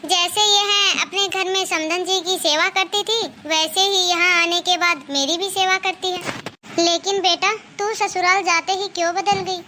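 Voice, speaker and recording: A woman voicing an ailing older mother who speaks softly and pleadingly in a cartoon story. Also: very high-pitched, fairly even intonation, unhurried, a little hiss or hum, heavily acted. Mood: gently scolding.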